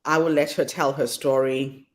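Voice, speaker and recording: A woman's voice: a bass voice, fairly even intonation, moderate pace. Woman hosting an online summit. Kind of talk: casual chat on a video call.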